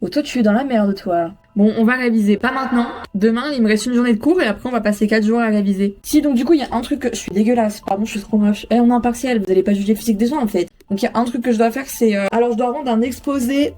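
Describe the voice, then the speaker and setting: Young woman vlogging, high voice. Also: fast, few pauses, slight background noise. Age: young adult. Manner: self-mocking, swears, exclaims loudly. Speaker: student vlogger. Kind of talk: casual vlog chat. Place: bedroom at home.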